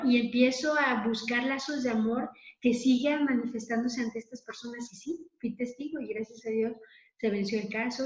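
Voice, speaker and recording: A woman leading a spoken prayer meditation, earnest and conversational, often adding little tag questions. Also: on the high side. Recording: dull, lo-fi, echoey room.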